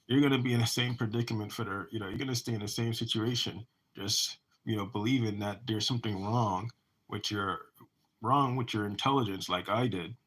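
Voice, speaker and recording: A man who talks about his own life in a rambling monologue, often restarting and repeating words. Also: on the low side. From United States. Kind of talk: personal monologue.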